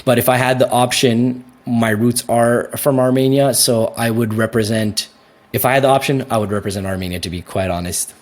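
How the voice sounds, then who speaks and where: A young Canadian man answering interview questions in a casual, animated way, laughing easily and often restarting his sentences. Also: mid-range voice, brisk. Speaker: guest.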